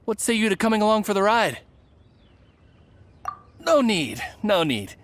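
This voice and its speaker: Shifty, animated bandit. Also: male voice, sits high, unhurried, slight background noise, full character voice. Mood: falsely friendly. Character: shifty bandit posing as a friendly merchant, quick to anger.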